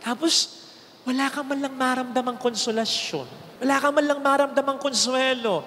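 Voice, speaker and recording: Man, Filipino accent, priest, Sunday homily, animated storytelling, long church reverb, faint background noise. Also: very high voice, normal speed. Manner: conversational, animated storytelling with rhetorical questions.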